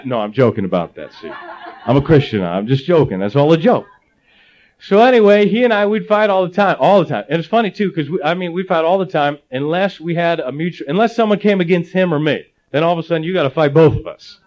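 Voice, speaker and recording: A middle-aged male pastor from Ohio preaching a sermon, telling stories with jokey asides. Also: a little high. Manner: animated storytelling, jokey asides. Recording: slightly dull lo-fi audio.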